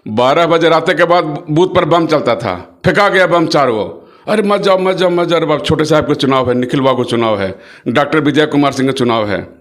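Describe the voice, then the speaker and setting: Fiery middle-aged politician, repeating points. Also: male voice, a little high. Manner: forceful, rhetorical, repeats phrases for emphasis. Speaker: local politician. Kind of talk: impassioned political speech to press.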